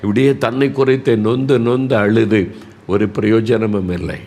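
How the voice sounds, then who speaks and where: A man preaching a devotional sermon. He repeats words for emphasis and moves between soft, slow lines and raised, pressing ones. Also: fairly low pitch, fairly even intonation.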